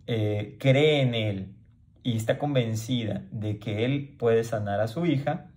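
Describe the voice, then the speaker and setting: Guy explaining bible verses casually, keeps asking "right?", normal pitch. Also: slow pace, a little mellow. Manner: conversational, frequent "¿sí?" checks, restarts; acts out crowd voices in quoted lines. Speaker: Bible teacher. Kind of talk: informal Bible teaching.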